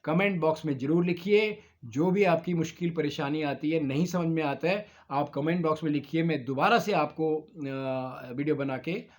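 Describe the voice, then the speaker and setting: An Indian man teaching spoken English in a video lesson, spelling words out letter by letter and pausing often. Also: on the high side. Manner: spells out words letter by letter, drawn-out teaching delivery with many fillers.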